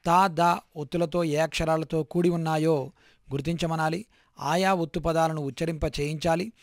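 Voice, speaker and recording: A man reading out a Telugu school lesson plan in a measured, list-like way. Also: fairly high pitch, steady tone, no echo, clean studio sound. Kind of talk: read-aloud lesson plan.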